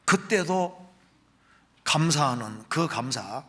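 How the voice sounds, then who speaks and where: A middle-aged man preaching a sermon as pastor, reading scripture aloud slowly and with rising emphasis. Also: fairly high pitch, animated, fairly bright tone.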